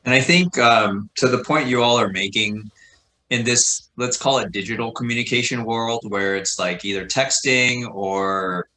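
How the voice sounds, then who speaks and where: A man's voice: mid-range voice, normal speed, sharp tone, poor audio. A middle-aged man chatting as a podcast guest, a teacher talking in a rambling, reflective way full of fillers. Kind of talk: casual conversation.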